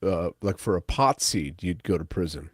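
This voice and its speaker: A man's voice: low-pitched, expressive, moderate pace, husky, no room sound, clean studio sound. An American man in his sixties co-hosting a podcast, chatting casually with rambling teasing asides. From United States. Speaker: podcast co-host. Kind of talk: casual chat.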